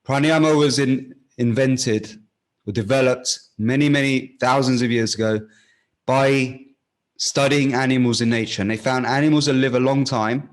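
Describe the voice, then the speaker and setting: A man teaching breathwork, giving calm step-by-step instructions and often checking in with the listener. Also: medium pitch, normal speed.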